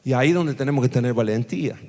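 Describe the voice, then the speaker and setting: A pastor with an Argentine accent from Córdoba, preaching a sermon in a church sanctuary and calling the congregation to answer amen. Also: male voice, mid-range voice, warm tone. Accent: Argentine Spanish, Córdoba. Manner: calls for amens from the congregation, reads scripture slowly. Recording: long church hall reverb.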